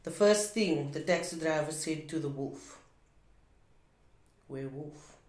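A man's voice: fairly high pitch, a little slow, a little mellow. A young man telling dad jokes in a casual face-off, with setups and punchlines, recorded outdoors from a camera a little way off. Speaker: dad joke contestant. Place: outdoors on a couch by a brick house wall. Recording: echoey, faint background noise.

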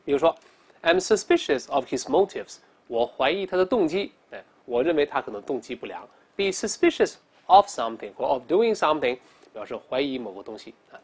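Animated teacher teaching English words. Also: male voice, medium pitch, husky. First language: Chinese. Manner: animated, drills students to read aloud, slows down for English examples. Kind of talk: vocabulary lesson.

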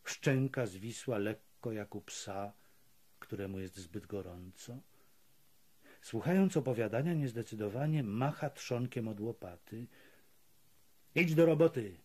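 A man with a husky voice reading literary prose as an audiobook narrator, measured and expressive. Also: fairly low pitch. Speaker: audiobook reader.

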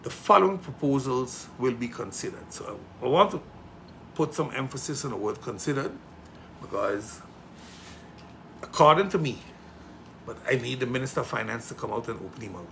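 A middle-aged man gives impassioned political commentary, emphatic, with rhetorical questions that build to loud indignation. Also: medium pitch, expressive, normal speed, gravelly, long pauses, a little hiss or hum. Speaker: political commentator hosting a show.

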